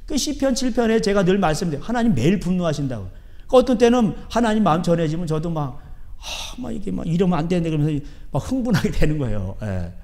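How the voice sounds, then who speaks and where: Brief: male pastor, high-pitched and emphatic, sermon in a church. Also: very animated, fast. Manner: emphatic, swinging from soft asides to shouting. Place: church sanctuary.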